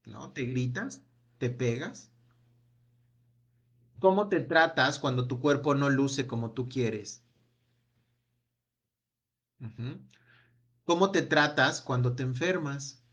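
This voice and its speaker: A man leading a self-help workshop, asking a long run of gentle reflective questions that trail off with a quiet "no?". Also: medium pitch, expressive, slow, pauses often. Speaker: workshop speaker.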